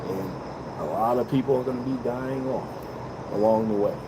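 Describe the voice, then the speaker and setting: Out on a balcony, a man in his fifties vlogs life advice at a moderate pace, his pitch sitting in a normal middle range. Earnest, profane and rambling, he repeats himself often, while traffic and an air conditioner hum steadily in the background.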